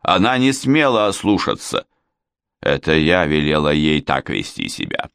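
Casting note: a bitter, snappish older Frenchwoman villain, read by a man with a low, lively voice in a dry booth. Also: unhurried, creaky, clean tone, no echo, exaggerated voice. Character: vengeful scheming older Frenchwoman, spiteful. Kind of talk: audiobook character voice.

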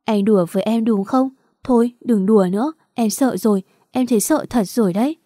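A heartbroken young woman begs through her tears in a storybook romance, as a woman narrator puts her on. Her voice stays mellow and soft-edged, and it is recorded close and dry. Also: a little high, fairly quick, no room sound, lightly acted. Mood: pleading tearful. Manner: tearful, pleading. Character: grief-stricken young woman pleading with her lover.

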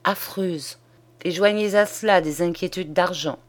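A woman reading a troubled, earnest young male lawyer in an audiobook, in her own low voice. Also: unhurried, natural voice.

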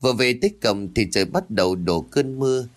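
A man's voice: medium pitch, lively intonation, fairly quick. A man narrating a ghost story in a dramatic, suspenseful way.

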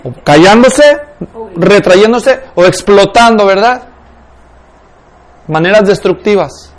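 A man's voice: high-pitched, lively intonation, slow. A man teaching a class in a lecture on spiritual life, constantly questioning his students. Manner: keeps asking the class questions.

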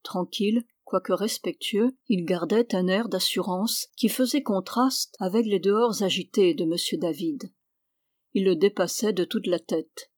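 A woman's voice: mid-range voice, a little slow, darkish tone, no room sound. Woman reading a novel aloud, dry. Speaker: audiobook reader. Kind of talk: literary audiobook narration.

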